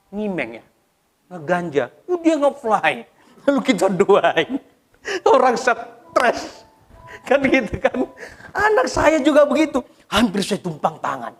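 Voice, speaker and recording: Pastor guy, middle-aged, high voice, goes hushed then loud telling his story. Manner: animated, swings from hushed to loud. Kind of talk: sermon with storytelling.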